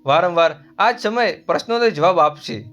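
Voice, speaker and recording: A man reading a family story aloud in a steady scripted narration, without doing character voices. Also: high voice, normal speed. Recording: dull lo-fi voice-over with soft music.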